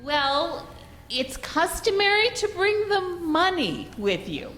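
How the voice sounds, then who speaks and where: A woman acting a patient bank teller in a stage radio play, polite and deliberate. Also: very high voice, very animated, a bit bright, full character voice. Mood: patient, pointed. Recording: echoey hall with background noise.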